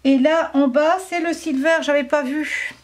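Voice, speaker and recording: A French woman with a high voice talks slowly through a casual craft product review. She is chatty and a little hesitant, thinking aloud and filling pauses as she goes. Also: steady tone.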